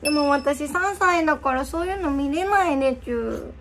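A woman's voice: high voice, normal speed. A woman playing a coy, innocent three-year-old in lisping baby talk during a prank call. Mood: innocent, pleading. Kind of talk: prank role-play on a call.

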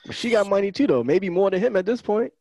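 A man's voice: high-pitched, expressive, quick pace, darkish tone, no echo. A man hosting a casual podcast, opening with a loose comic welcome and chatting with his co-hosts. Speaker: podcast host.

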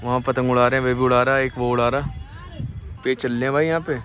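Excited bright-voiced man in an open field. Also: mid-range voice, quick pace, faint music behind. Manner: excited, laughing, calling out to others. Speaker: vlogger. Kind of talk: casual outdoor vlog commentary. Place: open dusty field outdoors.

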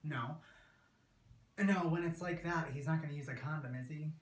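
A young man acting a dramatic monologue as a wounded, angry abused teenager, tragic and sorrowful, halting with bitter edges. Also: on the high side, close to an everyday voice. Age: young adult. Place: small indoor room against a plain wall. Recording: roomy echo, recorded at a distance.

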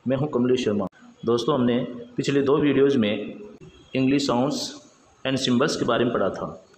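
A man gives a patient English pronunciation lesson, spelling words out letter by letter and repeating each one. His voice sits at an ordinary middle pitch. It rings with a long echo, and faint noise runs underneath. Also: moderate pace. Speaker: English teacher. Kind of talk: explanatory lesson. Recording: echoey room with faint background noise.

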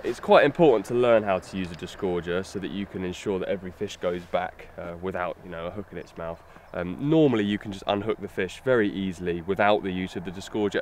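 A young man giving a lakeside fishing tutorial, explaining steps in a relaxed way with fillers as he handles his gear. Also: low voice. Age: young adult. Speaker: fishing instructor. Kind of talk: outdoor tutorial demonstration. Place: lakeside outdoors. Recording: faint outdoor noise.

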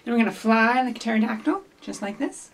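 In a small indoor office or library room with block walls, a middle-aged woman hosts a children's storytime, animatedly reading rhymes and giving simple instructions to young kids. Her voice is on the high side and she talks fast. A camera a few feet away picks her up from a distance.

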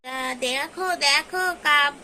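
A woman's voice: high-pitched, unhurried, very noisy. A woman making a casual pet vlog, cooing and baby-talking to her cats and turning to speak to viewers. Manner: coos and baby-talks to cats, then turns to address viewers. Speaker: pet vlogger.

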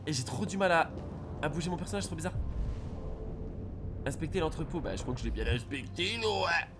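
A young man streaming a game, reacting excitedly and shouting at the action. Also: fairly high pitch, brisk, over music. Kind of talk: live gameplay commentary.

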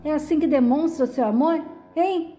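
A defiant, gravely ill woman, voiced by a woman reading her lines. The voice sits high and mellow, and the delivery is quick and plain. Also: lightly acted.

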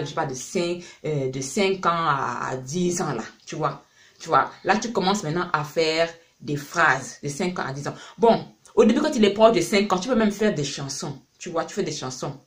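A man's voice: high voice, lively intonation, normal speed, fairly bright tone. A man from France, a parent and channel host, giving a casual spoken lesson, chatty with lots of fillers and repeated words.

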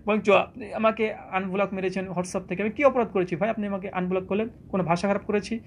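Fast, high-pitched argumentative man. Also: fairly even intonation, vocal fry, a little hiss or hum. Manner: argumentative, rhetorical questions, quotes scripture. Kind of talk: polemical religious lecture.

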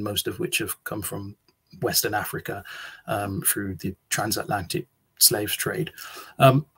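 A man's voice: fairly low pitch, breathy edge, poor audio. A man hosting an interview over a video call, hesitant with many fillers and restarts. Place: small indoor room. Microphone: video call webcam.

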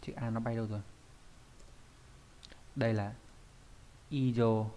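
A man's voice: mid-range voice, level tone, unhurried, dark tone. A male teacher walks students through a Japanese grammar point in an online lesson. He explains patiently and thinks aloud with small fillers. He keeps checking whether they follow. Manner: explains patiently, often checks with "đúng không?".

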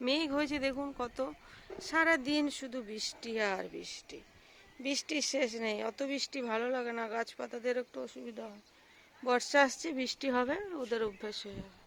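A woman with a cold, hoarse and gravelly, chatting to viewers as she walks around her rooftop garden and points out her plants. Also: on the high side, brisk, a bit bright, slight background noise. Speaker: gardening vlogger. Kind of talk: casual walk-through vlog.

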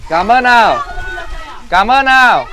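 A man's voice: very high-pitched, expressive, a little slow. A man with a Northern Vietnamese accent hosting a casual vlog outdoors in a village, chatting playfully and teasing as he talks to his viewers. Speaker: vlog host. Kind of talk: casual handheld vlog narration. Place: outdoors in a village among children. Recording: outdoors with a crowd of children behind.

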